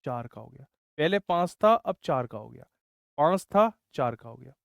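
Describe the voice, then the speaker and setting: High-voiced maths teacher. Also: male voice, very animated, normal speed, gravelly, no echo, clean studio sound. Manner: scolding, explains step by step, says bhai often. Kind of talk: online class lecture.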